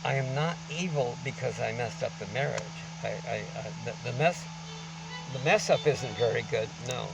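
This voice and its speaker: A man talking through a face mask in a rambling, informal monologue to camera, halting but emphatic as he lectures. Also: mid-range voice, creaky, recorded from a distance, music in the background, poor audio. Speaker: vlogger. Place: outdoors on a beach.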